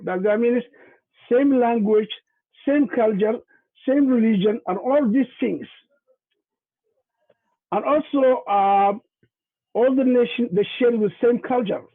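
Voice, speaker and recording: This man's voice sits high as he stumbles through a video call presentation with repeated words and frequent fillers. He is a native Somali speaker with a Somali accent, and the sound is tinny, like a phone.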